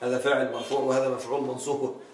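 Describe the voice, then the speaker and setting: A man's voice: medium pitch, level tone. Man teaching grammar in an echoey classroom. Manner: quizzes students with rhetorical questions; stretches words slowly for emphasis. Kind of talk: classroom lesson. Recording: echoey room, from far off.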